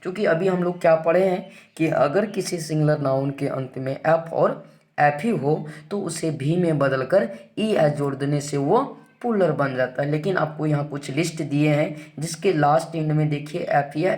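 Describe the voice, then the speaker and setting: A man teaching English grammar rules in Hindi, with an Indian accent in English, who poses questions and answers them himself and reads the rules out slowly. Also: fairly high pitch, a little mellow. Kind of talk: classroom-style grammar lesson.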